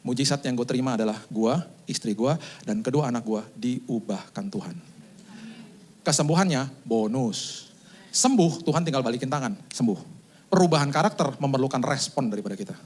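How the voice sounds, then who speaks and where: A man's voice: mid-range voice, animated, normal speed. A middle-aged man, a pastor, giving a sermon with a personal story, acting out scenes with laughing asides.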